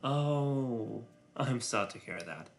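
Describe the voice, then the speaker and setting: A man whose first language is Russian, speaking English with a Russian accent while thinking aloud on a live coding stream, halting and full of filler sounds. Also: medium pitch, lively intonation, creaky, soft background music. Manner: halting, many filler sounds, muttering to himself; self-conscious about his English voice.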